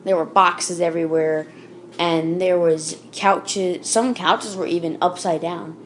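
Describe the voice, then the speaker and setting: A woman's voice: fairly low pitch, steady tone, a little slow, slight background noise. A woman telling a creepypasta in a casual, unscripted way, with fillers and self-corrections along the way. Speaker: storyteller. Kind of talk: casual spoken creepypasta reading.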